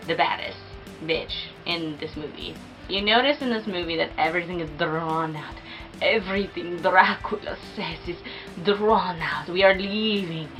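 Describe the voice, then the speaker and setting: A woman's voice: on the low side, pushed and bright, low-quality recording. A young woman chatting casually and enthusiastically as she reviews a movie, peppering her talk with fillers.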